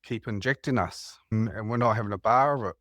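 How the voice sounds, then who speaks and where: A man's voice: fairly low pitch, fairly quick, a bit bright. A man from New Zealand with a New Zealand accent, calling in and telling rambling stories in a casual chat. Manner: rambling, anecdotal storytelling with laughs. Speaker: caller.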